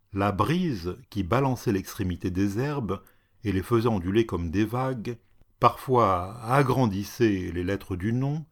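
A man reading a story aloud as narrator, slow and deliberate. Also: fairly low pitch.

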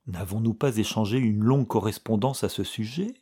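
A man voicing an earnest, kind young woman who speaks gently and pleadingly. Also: lowish voice, a little fast, breathy edge. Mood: puzzled.

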